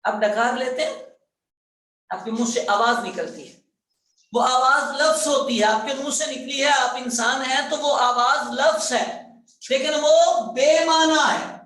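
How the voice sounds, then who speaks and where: A man teaching a grammar class in a fairly high voice. He repeats terms over and over, asks his students questions and draws words out slowly to stress them. The recording is very echoey, and the voice sounds far from the mic. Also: sharp tone. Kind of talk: online grammar class lecture.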